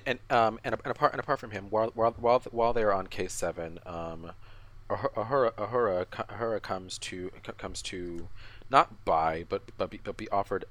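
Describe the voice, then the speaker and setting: A man's voice: fairly low pitch, fairly bright tone. A man co-hosting a podcast, casually recapping an episode with many restarts and repeated words. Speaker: podcast co-host.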